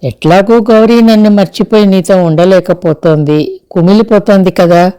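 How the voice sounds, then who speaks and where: A woman's voice: mid-range voice, normal speed, warm tone, clean tone, lightly acted. A woman voicing an earnest, persuasive young man in an audio story, close to her own voice. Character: man, young adult, earnest cousin and husband.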